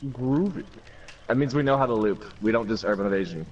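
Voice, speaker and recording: A man's voice: lowish voice, rapid-fire, recorded from a distance, dull audio. A man chats loosely while streaming a game, joking and swearing as he goes. His voice sits a little away from the mic, with a faint hum of room noise underneath. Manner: jokey, laughs often, swears freely. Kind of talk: casual gaming chat.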